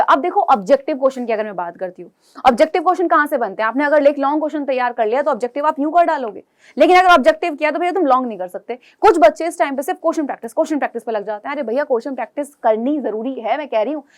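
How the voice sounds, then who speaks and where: A young woman teacher with a high voice gives an exam-prep pep talk. She talks in a chatty, coaxing way, calling her students "beta" and "bhai" and mixing in English words.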